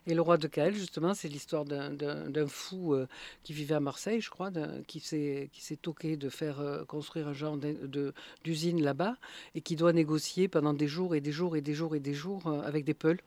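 A man's voice: fairly high pitch, steady tone, moderate pace, darkish tone, no echo. A man interviewing in casual French conversation, hesitant, with many fillers and restarts.

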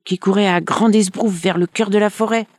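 A storyteller voicing a forest marten who speaks briskly and chattily. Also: medium pitch, steady tone, no echo, studio quality, pitched above the performer's own voice, lightly acted. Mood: informative. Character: quick-talking forest marten.

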